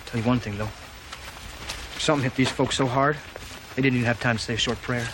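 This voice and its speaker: A man's voice: mid-range voice, fairly even intonation, quick pace, noisy background, natural voice. A man playing a tense, commanding National Guard lieutenant in a TV drama, speaking in clipped, urgent phrases. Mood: grave. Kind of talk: TV drama acting.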